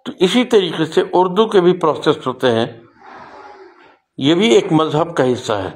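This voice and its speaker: An older man, a poet, talks earnestly in a lecturing way, working through one example after another. His voice sits a little high for a man. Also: animated. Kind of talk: casual spoken talk on language.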